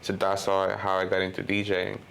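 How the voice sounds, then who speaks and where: Interview guest, man from Honduras, 30s: deep gravelly voice, casual and rambling. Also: completely flat delivery, quick pace, fairly bright tone, a little hiss or hum. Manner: rambling, lots of "you know" and "like" fillers. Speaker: guest filmmaker.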